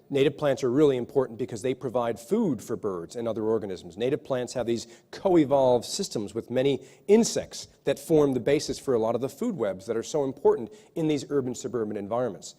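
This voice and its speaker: A male ecologist with a mid-range, dark voice answers questions from the audience following his lecture in a lecture hall. His replies are earnest, and he often breaks off to restart his sentences.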